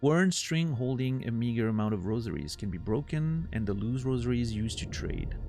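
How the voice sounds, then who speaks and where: A man gives casual gameplay commentary as a streamer, thinking out loud. His pitch moves around in a lively way at a middling height, with soft music behind him. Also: a little fast. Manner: thinks aloud, self-talk. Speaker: video game streamer.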